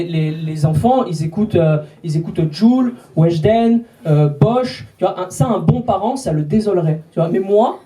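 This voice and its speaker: A man in his twenties performing a stand-up routine in a comedy club and teasing the audience with quick asides. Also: high voice. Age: 20s. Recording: live club recording from a distance with audience laughter.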